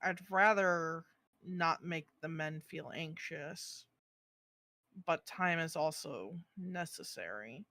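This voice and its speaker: A player voicing a thoughtful male noble passenger who weighs his words deliberately in a tabletop role-play. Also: medium pitch, sharp tone, no echo, studio quality. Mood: pondering.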